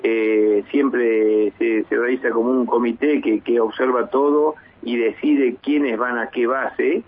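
Husky man on a tinny phone line. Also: mid-range voice, fairly even intonation. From Argentina. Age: 50s. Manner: measured, many hesitations and restarts. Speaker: base commander guest. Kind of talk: phone interview on radio.

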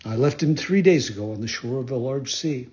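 A man voicing a large, calm, helpful pigeon in a storybook, speaking plainly and matter-of-factly. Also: mid-range voice, a little fast, close to an everyday voice. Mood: calm, informative. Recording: dull lo-fi recording.

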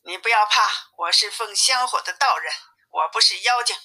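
A woman's voice: medium pitch, moderate pace, pushed and bright. A woman reading aloud voices a humble male Daoist temple attendant who speaks in a plain, reassuring way. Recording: tinny phone-like sound.

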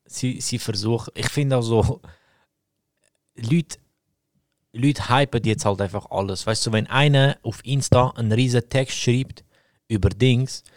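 A man's voice: mid-range voice, a little slow, dry recording. Young Swiss German man, casual podcast co-host, fired-up slangy talker, dry close sound. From Switzerland. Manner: heated, slangy ranting with lots of bro and man. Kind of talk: casual chat.

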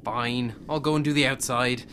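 A woman's voice: very deep voice, fairly even intonation, normal speed, a bit bright, a little hiss or hum. A woman playing a bumbling, cheeky male mission commander who teases the crew and bursts into theatrical outbursts. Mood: teasing. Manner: jokey, teasing, theatrical outbursts.

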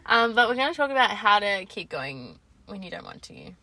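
A woman's voice: mid-range voice, very animated, fairly quick, pushed and bright, dry recording. A woman co-hosting a casual advice chat, talking informally with slang and swearing. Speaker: podcast co-host.

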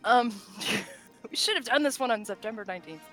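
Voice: mid-range voice, expressive, normal speed, bright, forceful tone, soft background music. A podcast co-host in casual chat about game lore, rambling, laughing often and swearing offhandedly.

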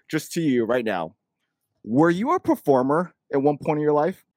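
A man's voice: a little high, animated, a little slow, darkish tone, dry recording. Guy hosting a podcast, bit of a lisp, voice goes up and down a lot, chatty. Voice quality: slight lisp from dental aligners. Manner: chatty, rambling with many fillers. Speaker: podcast host. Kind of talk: casual podcast chat.

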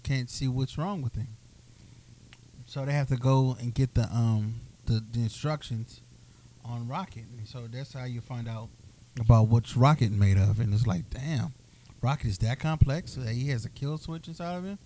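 A man's voice: mid-range voice, moderate pace, mellow, slight background noise. A man co-hosting a podcast, rambling through long, detailed retellings in casual chat. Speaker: podcast co-host.

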